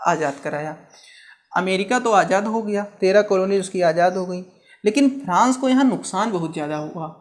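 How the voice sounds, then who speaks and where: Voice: mid-range voice, fairly quick. A teacher giving an exam-prep history lecture, asking rhetorical questions, answering them straight away, and explaining terms with everyday comparisons. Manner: keeps checking in with "ठीक है".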